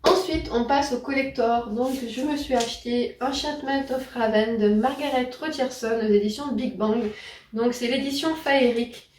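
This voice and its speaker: A woman's voice: fairly high pitch, normal speed, a little mellow, a little hiss or hum. A woman chatting casually about her new books, with many fillers and self-corrections. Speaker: book YouTuber. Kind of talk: casual book haul vlog. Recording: roomy, distant mic.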